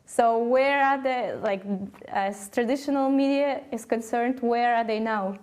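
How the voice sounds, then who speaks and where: A woman with a fairly high voice conducts an interview. She feels her way through each question, searching for the phrasing. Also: measured pace, a little mellow, clean tone.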